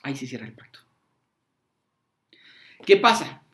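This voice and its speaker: Animated preacher, man. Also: medium pitch, a little slow. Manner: animated, acts out crowd voices with slang. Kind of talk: sermon.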